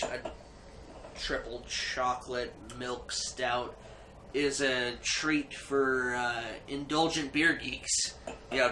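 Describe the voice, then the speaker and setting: A man with a bright, sharp voice gives a casual beer review among friends. He is tipsy and meandering, halting and restarting as he goes. It sounds roomy, with faint noise behind him. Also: medium pitch. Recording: echoey room, background ambience noise.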